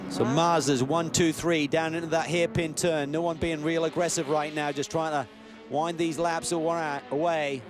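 High-pitched man calling a race. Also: music in the background. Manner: brisk, excited calls that rise in pitch at key moments. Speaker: lead race commentator. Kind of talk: play-by-play motorsport commentary.

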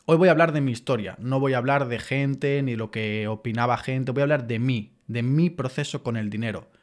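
A man's voice: medium pitch, fairly quick. A man with a Spain Spanish accent hosting his own podcast, talking frankly and earnestly in a personal monologue, swearing casually as he explains himself. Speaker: podcast host.

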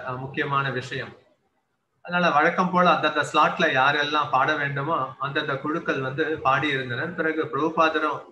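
A man's voice: on the high side, pushed and bright, reverberant, a little hiss or hum, poor audio. A man from Tamil Nadu with a Tamil Nadu accent, telling a devotional story as a temple lecture, in a conversational way with fillers and repeated phrases.

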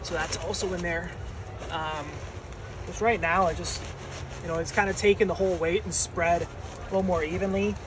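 A man in his thirties giving a casual gear review as a volunteer ski patroller, relaxed with many ums while showing items, on a snowy deck and later in a garage. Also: high voice, moderate pace, background noise. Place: snowy outdoor deck, then indoor garage.

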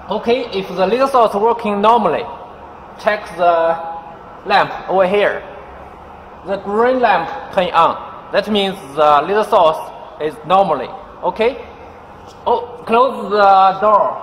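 A man in his thirties with a Chinese accent demonstrating a machine in a workshop, speaking haltingly with many fillers. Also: sits high, a bit bright. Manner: halting, many uh fillers, non-native phrasing. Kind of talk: casual product demonstration. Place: large factory workshop indoors. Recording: echoey factory hall, workshop noise.

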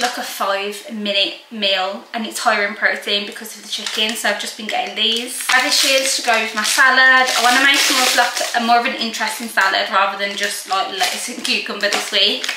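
A young woman chatting casually to camera in her home kitchen, showing her groceries one by one. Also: a little high. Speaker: lifestyle vlogger. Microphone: camera on a counter in front of her. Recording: echoey kitchen with noise.

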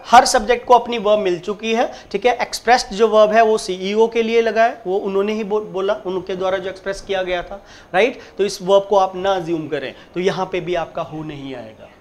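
A man teaching an exam-prep grammar lecture, explaining step by step, repeating his points and reading the example sentences slowly. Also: high-pitched. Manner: emphatic, repeats points and keeps checking in. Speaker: English teacher.

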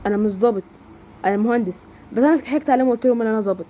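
A woman doing a calm, protective young man. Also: racing, slight background noise, natural voice. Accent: Egyptian Arabic. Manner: lowered, steady and reassuring.

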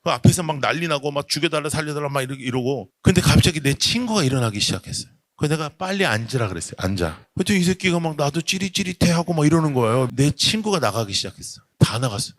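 A man's voice: on the high side, quick pace, no echo. Storytelling male pastor, dry sound. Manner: storytelling, lively and humorous, acting out voices. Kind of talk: sermon. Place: youth camp venue.

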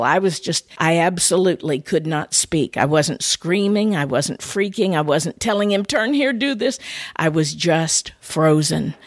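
An older woman hosting a ministry podcast, telling a personal story in an animated, conversational way. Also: lowish voice, no echo, clean studio sound.

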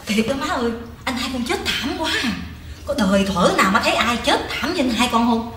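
Woman playing a gossipy grown daughter, Southern Vietnamese accent, whiny, high voice, live stage comedy, roomy hall. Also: animated, fairly quick, lightly acted. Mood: whining. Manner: whiny, teasing, complaining. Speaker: comic stage actor. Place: large theater stage. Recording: echoey stage with background noise.

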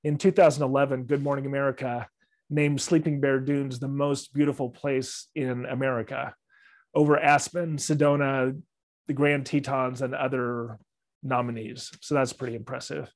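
A middle-aged man presents a friendly, loosely worded travel talk with slides for a library travel club, speaking over a video call webcam. His mid-range voice has a level tone and moderate pace, with no room sound. He uses fillers and restarts throughout.

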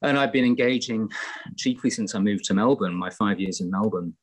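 Middle-aged English guest on a laptop call, low voice, thoughtful and meandering, lots of ums. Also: male voice, brisk. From England. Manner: reflective, rambling with frequent fillers and restarts. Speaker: guest musician. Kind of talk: casual interview chat. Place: home room in Greece, indoors. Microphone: laptop webcam on a video call.

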